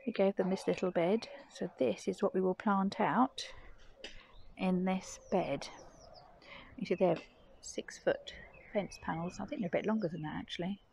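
A middle-aged woman casually narrating a gardening vlog, explaining things in a chatty, low-key way while filming on a phone. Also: normal speed, creaky, a little mellow, a little hiss or hum. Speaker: gardening vlogger and parent. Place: garden outdoors and at home.

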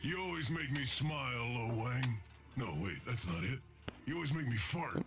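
A jovial demon shopkeeper in a video game, with a gravelly, rough edge to his voice. His pitch swings widely as he jokes and plays at being offended. Game music plays behind him. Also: expressive, normal speed. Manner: joking, mock-offended.

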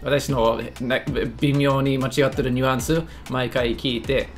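With faint music behind him, a man speaks at a medium pitch in a steady, slightly slow tone. As a YouTuber reacting to a lesson video, he offers casual, joking commentary, regularly fumbling his words and teasing himself.

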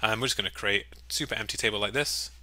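A man with a lowish voice talks through a software demo in a relaxed, jokey way, as if recording his screen at his desk. His tone is very bright and forward. The sound is close and dry, with faint mouse clicks under his voice. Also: quick pace, no echo. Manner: upbeat, chatty, jokey asides. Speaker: software walkthrough presenter.

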